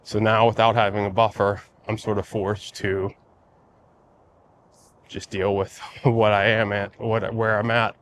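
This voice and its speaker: A man talking casually to his vlog as he walks outdoors, musing and halting as he goes. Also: fairly low pitch, level tone, a bit bright. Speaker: vlogger. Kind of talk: casual walking vlog chat. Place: outdoors, walking by lakes in a neighborhood before sunrise. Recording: outdoor ambient noise while walking.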